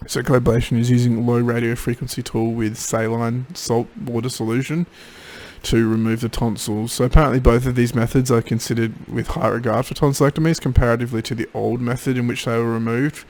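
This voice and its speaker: A man records a casual diary while recovering from throat surgery. His mid-pitched voice is gravelly with fry. He sounds tired and drowsy, with little energy in his delivery. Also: flat delivery, a little fast, darkish tone. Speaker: patient keeping a recovery video diary. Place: home office.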